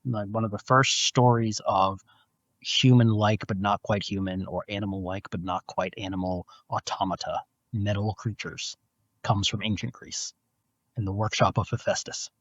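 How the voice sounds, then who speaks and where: A man with a low voice works through his answers with care, picking his words and restarting as he goes. The sound comes over a video call and is dull and lo-fi. The audio is dry, with no room echo. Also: fairly even intonation. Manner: measured, explanatory, with frequent restarts. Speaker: guest, philosophy professor. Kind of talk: thoughtful interview answers.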